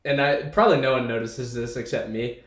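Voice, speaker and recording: A young podcast co-host with a stuffed-up nose chats casually in a relaxed, meandering way. His mid-range voice holds a steady tone at a brisk pace, and the room is echoey.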